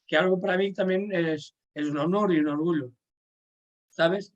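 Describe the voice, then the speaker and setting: A man telling stories in a friendly chat, his voice sitting a little higher than most men's. He often breaks off and restarts his sentences. He keeps checking in with his listener as he talks. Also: steady tone, normal speed, muffled recording. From Portugal. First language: Portuguese. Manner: warm anecdotal, frequent "sabes?" and restarts. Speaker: pilgrim and host. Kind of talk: casual storytelling in conversation.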